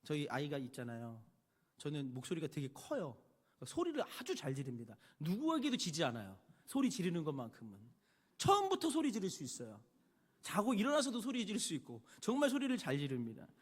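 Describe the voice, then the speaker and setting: Animated male pastor preaching in reverberant hall. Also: fairly high pitch, brisk, breathy edge. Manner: animated storytelling, swinging from hushed to loud. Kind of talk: sermon.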